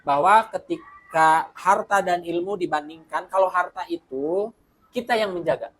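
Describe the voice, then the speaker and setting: A man as the guest in a casual discussion, explaining his points step by step in a calm way that sounds like a sermon. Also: high-pitched, moderate pace, slightly rough.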